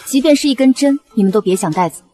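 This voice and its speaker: A proud young princess speaks with cool authority in a period drama. Her voice sits fairly high with a husky grain. The delivery is regal and controlled. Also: animated, quick pace, warm tone, soft background music. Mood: cold, commanding. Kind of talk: Chinese period short-drama acting.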